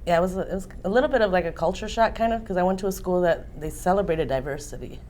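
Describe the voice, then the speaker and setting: Low-voiced soft-spoken woman. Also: fast, a little hiss or hum. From Waukegan, Illinois. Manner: soft-spoken, many ums and likes. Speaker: interviewee. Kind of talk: casual interview.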